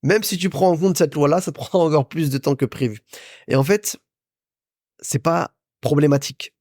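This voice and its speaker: A young man on the high side with a darkish tone speaks at normal speed, hosting a casual business advice podcast. Chatty, he addresses the listener directly and keeps repeating himself and restarting. It has clean studio sound and no room sound.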